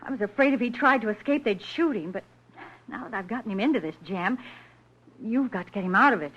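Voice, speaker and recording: A woman's voice: medium pitch, expressive, fast, lightly acted. A woman playing an earnest, loyal young woman in an old radio crime drama, imploring and full of feeling. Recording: muffled vintage radio recording.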